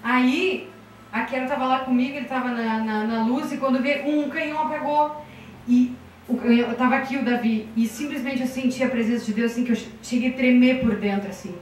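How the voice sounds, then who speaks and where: A young woman with a southern Brazilian accent tells her story to a congregation in a plain, heartfelt way, slipping into the voices of the people she quotes. Her voice sits a little high and reaches the mic from some distance. The church hall around her rings with heavy echo. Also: steady tone, brisk, a little mellow, slight background noise. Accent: southern Brazilian Portuguese. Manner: emotional, conversational, quotes dialogue. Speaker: church member giving testimony. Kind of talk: church testimony and prayer. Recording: very echoey room, mic far off.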